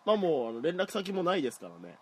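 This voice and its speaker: Rambling, quick-talking young man. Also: fairly high pitch, big pitch swings. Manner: rambling, self-mocking, laughs often. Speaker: podcast host. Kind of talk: casual chat. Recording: loud background noise.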